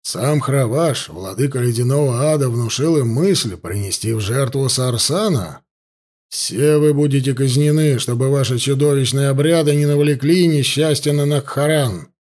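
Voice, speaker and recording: Steady warrior, read by a man: measured and grave. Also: medium pitch, close to an everyday voice.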